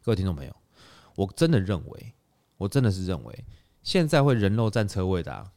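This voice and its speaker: A man co-hosts a casual podcast, telling a story at a quick clip. His voice sits fairly low, and he brings the scene to life by acting out what people said. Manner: animated, retells scenes with acted quotes. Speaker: podcast co-host.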